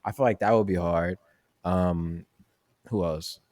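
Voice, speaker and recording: Young male podcast co-host, lowish voice, dry close sound, rambling slangy delivery. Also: fairly even intonation, measured pace, darkish tone, dry recording. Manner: loose, rambling, heavy on fillers and slang. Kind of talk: casual chat.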